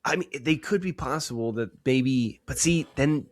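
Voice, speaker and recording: A man's voice: mid-range voice, normal speed, no room sound. A man co-hosting a podcast, rambling and joking in casual chat and swearing freely. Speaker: podcast co-host.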